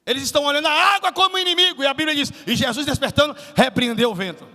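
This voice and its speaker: A high-pitched man delivers a sermon in a church hall, his tone bright and sharp. He questions the congregation and swells to shouts. Long reverb and faint music linger behind him. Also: very fast. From Salvador, Brazil. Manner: asks the congregation questions, builds to shouted climaxes. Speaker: guest pastor.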